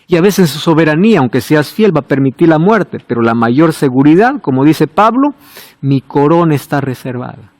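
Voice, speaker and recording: A male preacher giving a sermon, asking rhetorical questions and swinging between emphatic high points and quiet, low asides. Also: sing-song, moderate pace, no echo.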